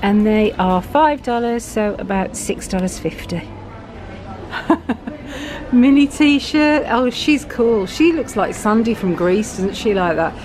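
A middle-aged British woman vlogging from a big store, chatting excitedly about items and their prices. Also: mid-range voice, slow pace. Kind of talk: shopping vlog walkthrough. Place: large busy store indoors. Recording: store music and crowd noise behind.

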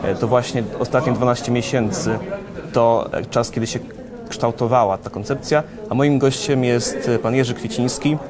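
A young man interviewing a guest at a conference, asking brisk questions with filler hesitations. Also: mid-range voice, fairly even intonation. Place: conference interview stand, indoors. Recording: busy crowd chatter behind.

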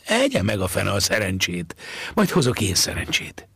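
A man voicing a devoted, tearful young fisher boy, his voice pitched up and softly whispered. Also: wildly swooping pitch, gravelly, husky, no echo, full character voice. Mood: earnest. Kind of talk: audiobook character voice.

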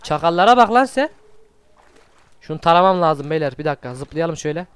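A man hosting a let's play, commenting excitedly as he plays, swearing at enemies and coaxing his pet wolf along. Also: fairly high pitch, a little fast, smooth, no echo. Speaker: gaming channel host.

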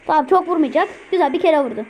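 A woman giving live gameplay commentary, excitable, talking to herself and repeating words as she plays. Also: high-pitched, quick pace, slight background noise, poor audio. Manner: excitable, talks to herself while playing. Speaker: gameplay streamer.

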